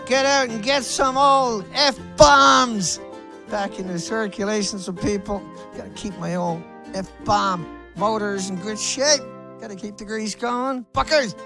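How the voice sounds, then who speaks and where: A man's voice: sits high, steady tone, slow pace, over music. A male host ranting in angry, mocking commentary, swearing constantly.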